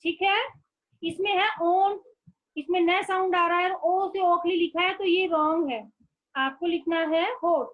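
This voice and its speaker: A woman's voice: extremely high pitch, fairly even intonation, unhurried, highs cut off. A woman schoolteacher giving an online class lesson, speaking patiently and repeating words for young children.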